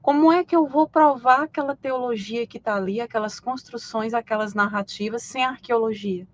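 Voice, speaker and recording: A woman's voice: on the high side, normal speed, lo-fi sound. A Brazilian woman hosting a live stream, explaining her points with frequent hesitations and restarts. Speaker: host.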